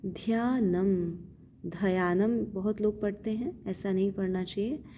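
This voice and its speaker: A woman's voice: mid-range voice, unhurried, dark tone, a little hiss or hum. A woman teaching Sanskrit recitation, patiently breaking words into syllables and repeating them. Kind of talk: slow syllable-by-syllable teaching of a hymn.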